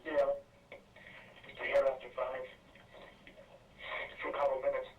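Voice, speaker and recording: A woman's voice: a bass voice, monotone, unhurried. A woman on a collect call from a jail payphone, giving terse, subdued short replies. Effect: heard over a jail payphone line. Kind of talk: casual phone chat. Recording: muffled distant phone line with faint hiss.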